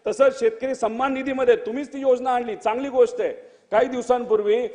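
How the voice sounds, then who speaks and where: A man's voice: very high-pitched, fairly even intonation, fairly quick, darkish tone. A male legislator giving an earnest floor speech, pleading with the chair again and again. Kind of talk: assembly speech. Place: state legislative assembly chamber. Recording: long reverb of a large assembly hall.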